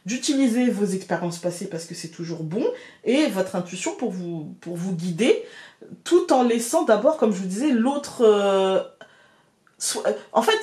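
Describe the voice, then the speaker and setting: A woman's voice: medium pitch, a little mellow, roomy sound. Hesitant Picard woman reading cards. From France. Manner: hesitant, many fillers and restarts, addresses viewers directly. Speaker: tarot card reader. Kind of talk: weekly card reading guidance.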